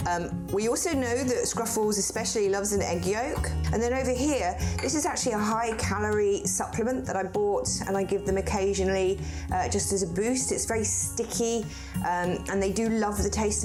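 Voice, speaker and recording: Tired from a vaccination, a middle-aged show host and ferret keeper still chats cheerfully to camera and laughs easily. She speaks at a medium pitch, with faint music running under her voice.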